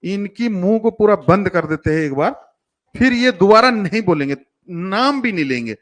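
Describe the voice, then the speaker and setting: A man's voice: high-pitched, expressive, normal speed, fairly bright tone. A man teaching children math in a live online class, coaxing and teasing his pupils and mixing English terms into his talk. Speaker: coaching teacher for school entrance exams.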